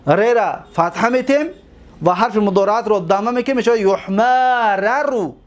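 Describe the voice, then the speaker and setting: High-pitched guy teaching grammar, rattling off verb lists in a steady chant. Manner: recites rapid memorized verb lists in a steady drone, pausing to explain. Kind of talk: recorded lesson recitation.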